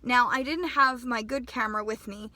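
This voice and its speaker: Still recovering from a sinus infection that has left her voice off, this twenties-aged woman vlogs about cosplay in a casual, friendly, self-deprecating way. Her voice sits on the high side, bright and forceful, at a moderate pace, with no echo.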